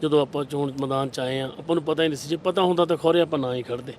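A man speaks quickly and with conviction, his voice sitting a little high as he presses each point home. He answers in an impassioned interview style, building rhetorical runs. A faint rumble of traffic hums behind him outdoors. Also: steady tone. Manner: forceful, rhetorical, retells scenes with quoted dialogue. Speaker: political candidate.

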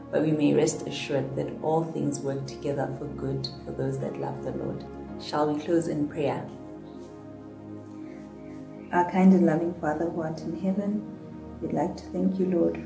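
A woman summing up a Sabbath school lesson and leading a calm, reverent prayer. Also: low voice, creaky, roomy sound, low-quality recording. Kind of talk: summary and prayer.

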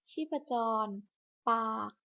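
A woman reading a scripted hospital clinic announcement over a public address system, in a measured, list-by-list delivery. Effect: broadcast over a hospital public address system. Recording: muffled lo-fi loudspeaker broadcast.

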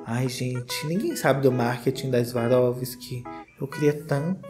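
A man's voice: mid-range voice, unhurried. A Brazilian man hosting a casual, gossipy reaction commentary with campy, sassy asides. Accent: Brazilian Portuguese. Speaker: host. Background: faint guitar music.

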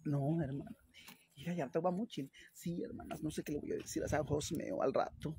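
A man's voice: on the high side, fairly even intonation, brisk, noisy background, close to an everyday voice. A man playing a crude, fretful young woman who thinks she is pregnant, sighing and whining in a comedic vlog skit. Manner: whiny, sighing, keeps repeating "ay, hermanas".

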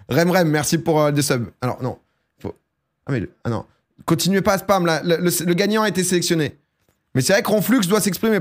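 Excitable young man streaming live. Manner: excitable, swings to loud high bursts. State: sore throat. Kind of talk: casual live-stream chat.

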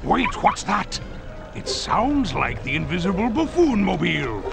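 A grandiose cartoon supervillain, pompous in every phrase. His gravelly voice runs high and swoops over music. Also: wildly swooping pitch, unhurried, heavily acted. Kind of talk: cartoon game voice acting.

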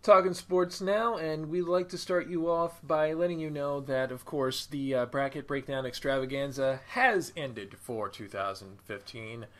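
A man's voice: fairly high pitch, measured pace, few pauses, soft background music. A man co-hosting a casual podcast, making puns and hedging his talk with frequent fillers. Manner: punning, hesitant with many uh fillers. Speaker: podcast co-host.

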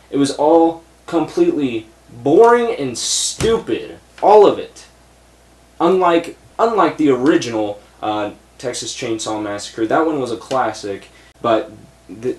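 Profane and fed up, a young adult man vents bluntly about a film from his desk. He has a medium-pitched voice, and the small room full of shelves sounds echoey.

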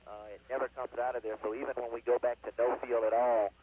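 Male astronaut on a tinny radio downlink, matter-of-fact, halting with fillers, mid-pitched voice. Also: flat delivery, slight background noise. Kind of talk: mission radio chatter and explanation.

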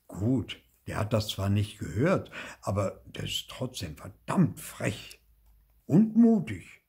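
A man's voice: fairly low pitch, slow pace, vocal fry, husky. Older man reading a children's story. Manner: lively, expressive reading with voiced dialogue. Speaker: storybook reader.

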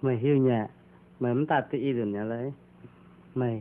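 A man's voice: medium pitch, moderate pace, natural voice. A man acting in an amateur drama, talking casually with a bantering manner. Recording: tinny lo-fi with faint guitar.

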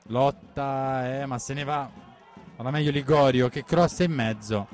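A man giving breathless, excited football play-by-play commentary, urgently repeating players' names and phrases. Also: medium pitch, a little slow.

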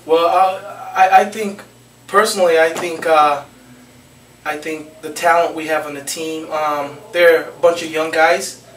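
Young male footballer, post-game interview, flat steady delivery, mid-high voice, roomy office, mic a bit far off. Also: unhurried. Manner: steady, earnest, repeats phrases and restarts with um. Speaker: soccer forward, interviewee. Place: small office with trophy shelves, indoors. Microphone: handheld mic held out by interviewer. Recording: echoey room, mic a bit far, faint noise.

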